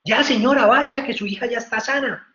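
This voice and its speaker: A male preacher voicing a cheerful innkeeper who calmly reassures a guest, in a roomy hall with dull sound. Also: very high-pitched, brisk. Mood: reassuring. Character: cheerful, easygoing innkeeper, an ordinary man.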